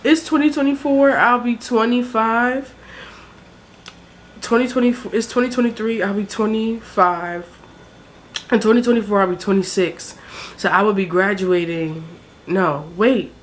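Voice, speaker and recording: Her voice is a little high and a little slow, the tone steady, with slight background noise. In this vlog a weary young woman in her twenties with a South Jersey accent cries and swears openly while venting about her struggles.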